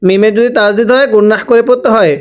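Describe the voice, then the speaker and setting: A man teaching Quran reading, spelling out each letter and vowel mark slowly, then asking the listener to repeat after him. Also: sits high, fairly even intonation, smooth. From Bangladesh. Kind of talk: slow spelling-out recitation lesson.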